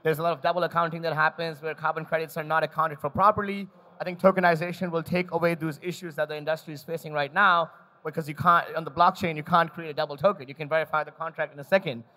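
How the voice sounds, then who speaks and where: Man, panelist, earnest, fast, slightly high. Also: steady tone, pushed and bright. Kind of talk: conference panel talk.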